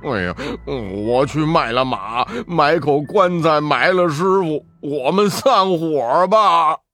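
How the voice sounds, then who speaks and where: A man's voice: fairly high pitch, lively intonation, slow, bright, forceful tone, heavily acted. A man voicing a whiny pig-man disciple who wails and blusters, in a storybook reading. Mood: wailing. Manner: wailing, blustering.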